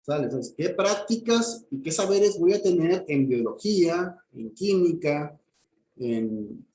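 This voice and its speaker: A man's voice: fairly high pitch, lively intonation, takes it slowly, darkish tone, echoey room. A man, lecturing a class and checking in with "¿ok?" as he explains step by step. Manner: explanatory, frequent "¿ok?" check-ins and restarts. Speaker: teacher.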